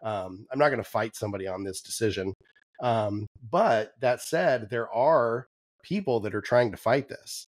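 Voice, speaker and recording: A man with a fairly low voice talks casually as a podcast co-host, full of ums and restarts. His voice is wearing thin and hoarse. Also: moderate pace, no room sound. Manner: conversational, frequent ums and restarts. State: losing his voice. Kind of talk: casual chat.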